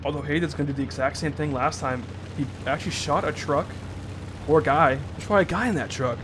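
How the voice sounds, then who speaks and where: A man's voice: on the high side, fairly even intonation, brisk, background noise. A young man giving casual, rambling play-by-play commentary on a tank game match, often correcting himself. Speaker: caster.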